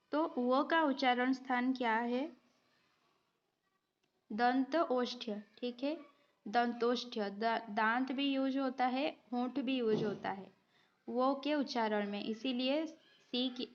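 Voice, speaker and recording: A woman teaching a grammar lesson at a slow, unhurried pace, her voice sitting a little high. She goes through quiz questions patiently, explains each step and checks in with the students. The sound is dull and a bit lo-fi. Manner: patient, explains step by step, often adds a short "okay" check. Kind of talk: exam-prep lesson going through multiple-choice questions.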